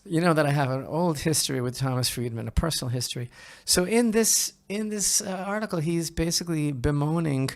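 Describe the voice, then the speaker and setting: Pitched on the high side, a man delivers conversational opinion commentary as a podcast host. He speaks haltingly and emphatically, echoing his own phrases and often checking in with the listener.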